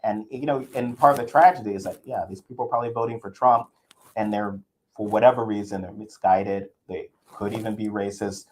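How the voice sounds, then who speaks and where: Low-voiced man, earnest and argumentative. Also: fairly even intonation, a little fast, slight background noise, poor audio. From American South. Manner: earnest, argumentative, frequent restarts. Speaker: co-host. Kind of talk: casual podcast chat.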